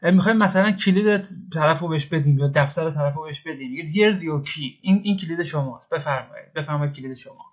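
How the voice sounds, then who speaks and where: A male English teacher with a slightly high voice walks through grammar step by step. He patiently repeats each example slowly and then translates it.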